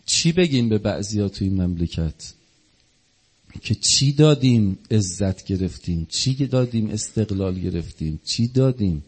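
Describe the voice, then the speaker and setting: A man's voice: on the low side, expressive, a little mellow, husky. A man preaching an impassioned religious sermon, telling a story and acting out its dialogue. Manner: impassioned, acts out quoted dialogue.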